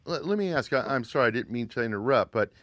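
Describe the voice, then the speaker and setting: A man's voice: medium pitch, animated, fast talker, fairly bright tone, no room sound. A man hosting a talk show, interviewing a guest and repeating words hesitantly as he frames his questions.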